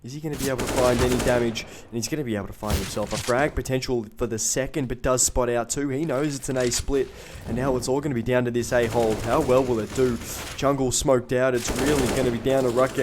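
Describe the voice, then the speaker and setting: A man calls an esports shooter match play by play, his voice sitting in an ordinary middle register. He mixes quick jokes and banter into the calls. Faint gunshots and clicks from the game run under his voice. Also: medium pitch, steady tone, background noise. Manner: jokey, banters with a co-caster off mic. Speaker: esports caster.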